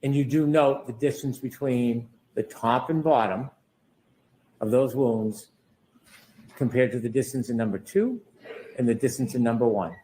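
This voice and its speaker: Male lawyer, courtroom cross-examination. Sceptical, insistent, middling pitch, statements turned into challenges. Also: normal speed, dark tone, low-quality recording. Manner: pressing, sceptical, ends statements in tag questions.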